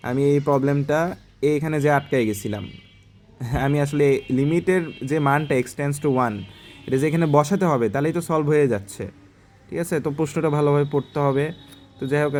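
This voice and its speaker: A man's voice: medium pitch, a little mellow, slight background noise. A male math tutor walking through exam problems step by step, talking in a conversational way and often asking the student short checking questions.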